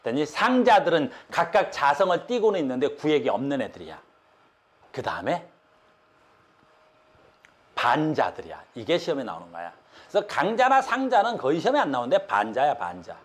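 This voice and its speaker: A male physics teacher lecturing a class, stopping again and again to check that students follow. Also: fairly quick. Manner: keeps checking understanding with short questions; lively, swings between loud stresses and low mutters.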